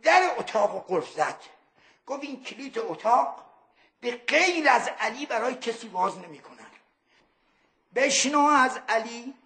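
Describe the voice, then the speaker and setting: A man's voice: extremely high pitch, sing-song, pauses often, sharp tone, echoey room. A man telling a devotional story, drawing out words and slipping into chant. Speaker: religious storyteller.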